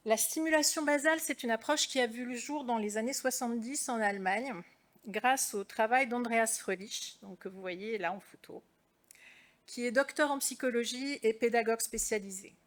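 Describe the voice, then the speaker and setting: A woman, a clinical psychologist and trainer, giving a conference presentation in a measured, structured way. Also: fairly high pitch.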